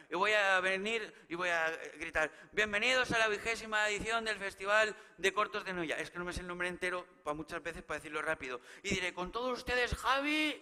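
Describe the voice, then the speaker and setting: A man's voice: high-pitched, sharp tone. A man in his thirties from Spain with a Spanish accent, hosting a live awards gala as a stand-up comic who jokes with and rallies the audience. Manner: chatty, joking, teasing the audience, rallying the crowd. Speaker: gala host. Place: large hall with a live audience. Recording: live hall recording with long reverb and faint noise.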